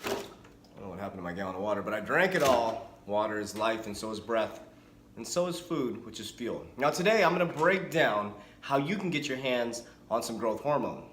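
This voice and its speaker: This time the forties-aged coach sounds on the low side at a moderate pace, with reverb and a little hiss or hum in the recording. He chats to camera with lots of energy in a casual talking-head vlog, frequently starting over mid-thought.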